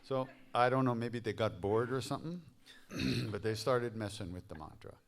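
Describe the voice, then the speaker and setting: A man leading a live devotional workshop, telling stories in a relaxed, anecdotal way and chuckling at his own tales. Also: medium pitch, normal speed, creaky. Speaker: devotional chant leader and teacher.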